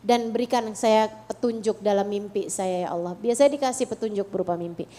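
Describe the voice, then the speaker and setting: A woman's voice: medium pitch, fairly quick, warm tone. A middle-aged woman with an Indonesian accent giving an Islamic study talk to women, earnest and often asking the audience questions. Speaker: religious teacher.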